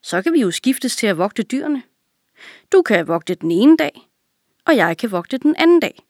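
A woman's voice: a little high, very animated, a little mellow, no room sound, studio quality, pitched above the performer's own voice. A woman reading a children's fable, voicing a sly, scheming male lion in a raised, insistent voice. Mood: coaxing.

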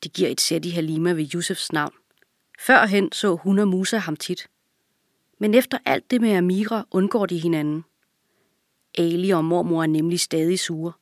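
A woman narrating a children's audiobook in a calm, even storytelling manner. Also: fairly low pitch, no echo, clean studio sound.

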